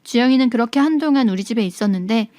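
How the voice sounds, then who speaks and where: A woman narrating a real-life story in a plain, even storytelling manner, as read on a radio segment. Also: fairly high pitch, very fast, no echo.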